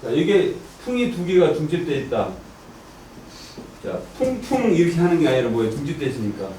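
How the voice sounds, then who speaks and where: A man's voice: on the high side, very animated, a little fast, dark tone, slight background noise. A man teaching an I Ching class, quizzing the students and drilling the readings aloud. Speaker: I Ching lecturer. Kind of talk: classroom lecture. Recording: echoey room, from far off.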